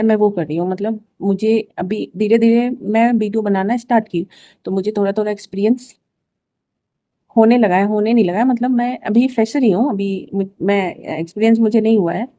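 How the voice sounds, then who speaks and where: Young woman vlogger, mellow tone, rambling chatty delivery with exasperated asides. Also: medium pitch, muffled recording. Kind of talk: casual chat to camera.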